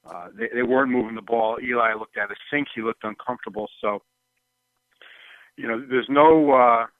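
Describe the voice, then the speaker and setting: A man speaks over a thin, tinny phone line as a sportswriter guest on a call-in show. His voice sits at an ordinary middle pitch and sounds dry and close. He talks in a loose, hedging way, full of "you know" and "um". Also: moderate pace, dry recording. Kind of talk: casual call-in chat.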